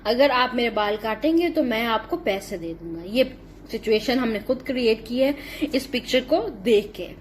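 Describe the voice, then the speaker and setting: A woman teaches a school English lesson, mixing explanations with slow, deliberate readings of sentences. Her voice sits fairly high. A faint noise runs under the recording. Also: animated.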